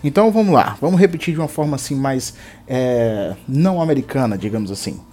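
A man's voice: medium pitch, expressive, warm tone. Patient man teaching English. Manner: patient, repeats words slowly for practice. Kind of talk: language lesson.

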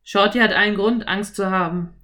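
A woman voicing a lanky, friendly male cowboy in an audiobook, speaking loudly with an easy, self-assured drawl. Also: medium pitch, steady tone, normal speed, close to an everyday voice. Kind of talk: audiobook character voice.

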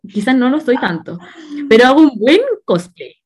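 A woman's voice: fairly high pitch, animated, normal speed, a little mellow, breathy edge. A woman with a Chilean accent chatting casually, telling stories in a slangy, laughing way. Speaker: podcast co-host. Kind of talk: casual chat.

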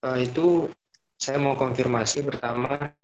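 A man asking a question on an online religious class, his call audio breaking up and cutting out, speaking haltingly with many fillers. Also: mid-range voice. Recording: dull, choppy online call line with faint music.

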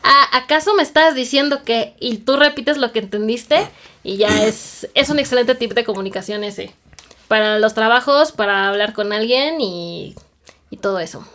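A woman's voice: medium pitch, moderate pace, a bit bright. A Mexican woman chatting casually and acting out past conversations in a Mexican accent. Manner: chatty, acts out quoted exchanges. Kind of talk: casual chat.

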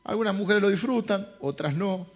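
Rioplatense guy preaching, kinda high voice, jokey, asks the crowd questions, bit dull lo-fi sound. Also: moderate pace. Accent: Rioplatense Spanish. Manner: joking, conversational, with rhetorical questions. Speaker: pastor. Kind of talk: sermon.

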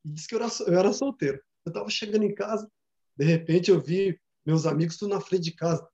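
Man telling a story kinda earnest, high voice, lo-fi call sound. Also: fast talker, mellow. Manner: earnest, repetitive storytelling with fillers. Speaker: study group member. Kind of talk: casual storytelling. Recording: dull lo-fi sound.

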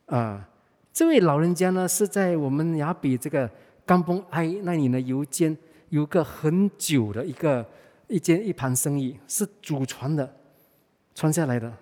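A man's voice: fairly high pitch, animated, moderate pace, warm tone. A man with a Malaysian Mandarin accent preaching a sermon, telling a story in a conversational way and often repeating and restarting his words. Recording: reverberant hall.

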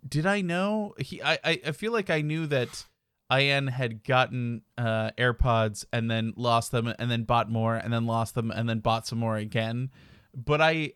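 A man talks casually on a podcast, rambling loosely with filler words and easy laughter. His voice is smooth and clear, recorded close in a dry room with no echo. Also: medium pitch, a little slow, a bit bright. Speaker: podcast co-host. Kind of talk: casual chat.

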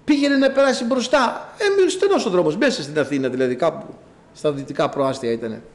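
Man, preacher, sermon storytelling, high-pitched, very lively intonation. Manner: animated, addresses the congregation directly.

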